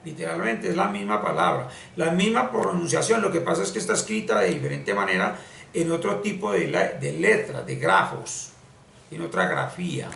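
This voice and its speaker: Gravelly man explaining slowly in an echoey room. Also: on the high side, huge pitch swings, fairly bright tone. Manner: slow, deliberate, repeats words for emphasis. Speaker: spiritual teacher. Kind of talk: explanatory screen-share lesson. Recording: echoey room, distant mic, faint hiss.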